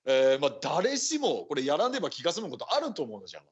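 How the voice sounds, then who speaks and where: A man plays a bantering ninja chief who hosts a radio show. His husky voice moves freely up and down as he talks in old-fashioned samurai phrases. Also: on the high side, huge pitch swings, fast talker, highs cut off, full character voice. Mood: musing, friendly. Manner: archaic samurai-style speech. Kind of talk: in-character radio hosting.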